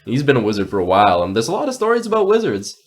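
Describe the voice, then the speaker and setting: A man's voice: mid-range voice, wildly swooping pitch, very fast. A man with a stuffed-up nose hosting a podcast, reading a fantasy story in a casual, profane, joking way and laughing often. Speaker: podcast host and story reader. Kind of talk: casual narration with banter.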